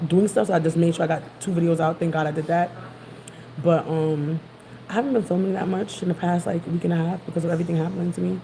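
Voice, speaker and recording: Out on a noisy street, a New York-accented woman from Queens rambles chattily to her livestream audience and greets the viewers. Her vlogging voice sits on the low side, mellow and touched with vocal fry.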